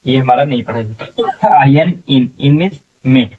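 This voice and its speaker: Male tutor, unhurried spelling drill, heard from a distance on a dull lo-fi mic. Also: mid-range voice, expressive. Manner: slow, drawn-out syllable-by-syllable sounding out; frequent "theek hai" check-ins. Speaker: English teacher. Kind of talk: spelling lesson, sounding out words letter by letter.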